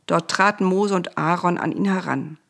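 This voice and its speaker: A woman reading a Bible story aloud for children in a calm, plain storytelling manner. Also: on the low side, normal speed, gravelly.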